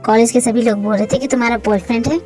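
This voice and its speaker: A woman's voice: fairly high pitch, fairly even intonation, very fast, warm tone, soft background music, pitched below the performer's own voice, natural voice. A woman voicing a possessive, rich young college man in an amateur fan dub, speaking in a commanding, threatening way. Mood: bossy.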